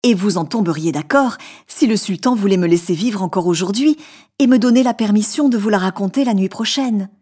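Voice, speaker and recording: A woman voicing a composed young female storyteller speaking gently in a storybook reading. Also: mid-range voice, brisk, slightly rough, lightly acted.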